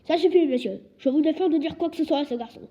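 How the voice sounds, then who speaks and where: A woman voicing a blustering, panicky middle-aged uncle who speaks in a shrill, commanding way, in a storybook reading. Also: steady tone, quick pace, natural voice. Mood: panicked. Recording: dull lo-fi recording.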